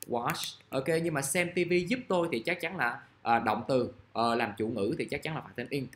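Male teacher, mid-pitched, patient and repetitive explaining, faint keyboard typing and noise behind. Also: moderate pace, a bit bright. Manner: explains patiently, repeats key words, checks in with "được chưa?". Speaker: English teacher. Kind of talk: vocabulary lesson.

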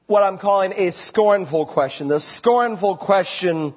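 High-voiced preacher in a reverberant hall. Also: male voice, unhurried, highs cut off. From United States. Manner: emphatic preaching, voicing quoted lines with rising intensity. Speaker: pastor. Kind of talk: expository sermon.

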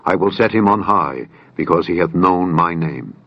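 A man reading scripture aloud as a voice-over, slow, solemn and measured. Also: deep voice, lively intonation, dry recording. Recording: dull dry voice-over.

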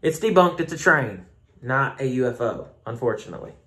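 A man's voice: medium pitch, animated, fairly quick, sharp tone. Chatty Southern man reviewing beer. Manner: chatty, rambling, self-mocking. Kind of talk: casual review vlog. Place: home room. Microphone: phone camera.

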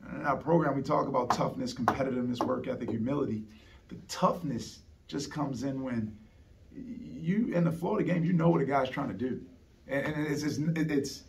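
A middle-aged basketball coach with a creaky, medium-pitched voice answers postgame questions earnestly, seated at a table in a press conference room. He often repeats words as he restarts his sentences. A table microphone on a stand picks him up from some distance.

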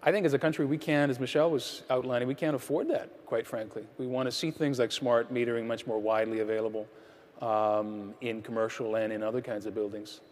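A man's voice: mid-range voice, fairly even intonation, a little fast, a little mellow. A man in his thirties speaking frankly as a panelist on an auditorium stage, with a lapel mic. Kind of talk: panel discussion. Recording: long hall reverb.

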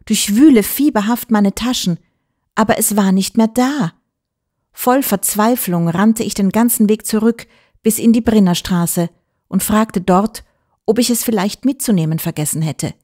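A woman narrating an audiobook in a medium voice. Her storytelling is measured and even, carrying the tale along steadily. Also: medium pitch. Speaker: audiobook reader.

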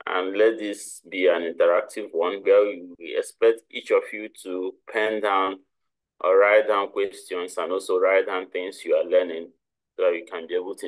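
A man moderating the opening of a webinar on a video call, in measured, formal phrasing. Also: sits low, low-quality recording. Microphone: webcam on a video call.

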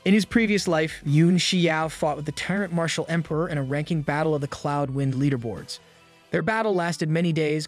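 A man reading a scripted manga recap, brisk and steady, with the odd dry joke. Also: fairly high pitch. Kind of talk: scripted narration. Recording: narration over background music.

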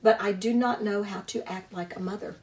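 A woman doing a calm, formal female robot. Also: mid-range voice, natural voice. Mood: polite. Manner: flat, measured, formal phrasing.

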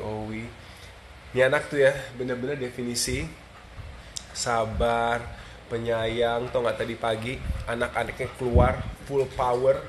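Dog owner hosting a live stream: coos baby talk at his pets, then chats to viewers, with steady background noise. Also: medium pitch. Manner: switches between cooing baby talk to his dogs and chatty asides to viewers. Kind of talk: casual live stream chat.

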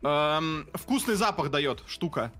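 A man in casual chat with friends, explaining words in a party game with halting, filler-heavy speech and swearing. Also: on the high side, animated, a bit bright, faint music behind.

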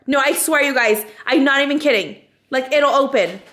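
A woman filming a casual family vlog as the mom, talking in an excitable, flustered way and saying "like" in nearly every sentence. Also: high voice, moderate pace. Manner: excitable, fills speech with "like"; scared and flustered, half laughing. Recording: loud music behind.

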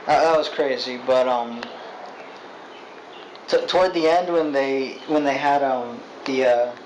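A man's voice: fairly high pitch, a little hiss or hum, low-quality recording. A young man chatting casually about a movie, rambling, swearing and stumbling over his words. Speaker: co-host. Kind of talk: casual movie review chat.

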